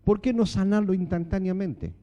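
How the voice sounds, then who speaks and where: A man preaching a sermon in a church with an Argentine Spanish accent, animated and full of rhetorical questions to the congregation. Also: high-pitched, moderate pace, highs cut off. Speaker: pastor.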